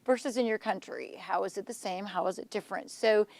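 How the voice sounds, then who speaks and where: A woman's voice: medium pitch, fairly quick, creaky, dry recording. A woman hosting a radio interview, asking questions in an encouraging way. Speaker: host.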